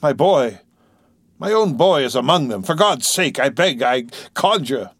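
A man's voice: mid-range voice, sing-song, a little slow, a bit bright, no room sound, studio quality, pitched above the performer's own voice, heavily acted. A man voicing a desperate middle-aged whaling captain who begs urgently for help. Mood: pleading. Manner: pleading, urgent, insistent.

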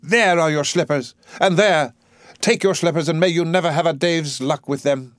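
In a play reading, a man voices a proud young working-class woman who is emotional, bitter, defiant and furious. His mid-range voice, at normal speed, is pitched above his own but stays close to an everyday voice, captured in a dry, studio-quality recording.

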